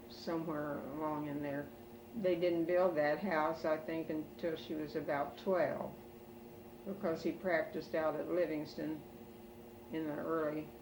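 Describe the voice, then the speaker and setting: Old midwestern lady slowly reminiscing, halting, kinda far from the mic with noise behind her. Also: low voice. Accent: American Midwestern. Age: older. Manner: halting, slow elderly reminiscing with pauses. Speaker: oral history interviewee. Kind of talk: reminiscing about family history. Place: in a room at home. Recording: roomy, distant home recording with background noise.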